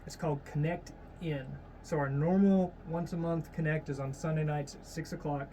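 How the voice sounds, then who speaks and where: A man in his thirties, a youth minister, explaining an event in a steady, informative way. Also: on the high side, normal speed, slight background noise. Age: 30s. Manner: steady, explanatory, with frequent "uh" fillers. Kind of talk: casual interview talk.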